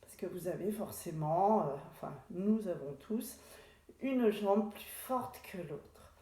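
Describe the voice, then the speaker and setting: Slow, calm woman guiding Pilates. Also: mid-range voice. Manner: calm, unhurried cueing with breathing prompts. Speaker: Pilates instructor. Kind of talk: guided exercise class instruction. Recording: very echoey room.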